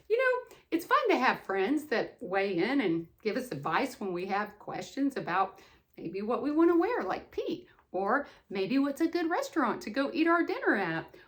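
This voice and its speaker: Sweet, animated older woman reading stories. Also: fairly high pitch. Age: older, grandmother. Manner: sweet old lady, affectionate and folksy; exclaiming and expressive. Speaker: grandmother reading a picture book to children. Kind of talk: read-aloud storytelling with chatty asides.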